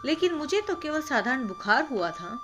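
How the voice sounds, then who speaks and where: Frail, pleading old village man for a storybook, read by a woman, higher voice over background music. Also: very animated, normal speed. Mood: distraught. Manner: pleading, then earnest and heartfelt.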